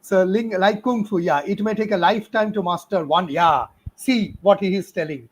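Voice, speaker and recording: A slightly rough, high-pitched male voice at normal speed belongs to a middle-aged physics teacher with an Indian accent. During a live stream he takes students' questions in a conversational, encouraging tone, laughing a lot and using many fillers as he offers fatherly guidance.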